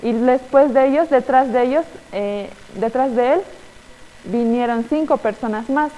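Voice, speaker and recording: A young woman, teaching children and telling a story in a halting way, with many fillers and tag questions. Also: a little high, warm tone, in a large hall, muffled recording. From Bolivia. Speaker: children's Sunday school teacher.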